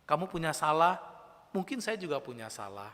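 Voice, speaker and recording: An animated male youth preacher with a bright, high, lively voice that leaps up and down. He teases and quizzes his listeners in a playful way. A long reverb trails his words through the church. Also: moderate pace. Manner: animated, playful, asks the audience questions. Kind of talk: youth sermon. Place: church, live-streamed service.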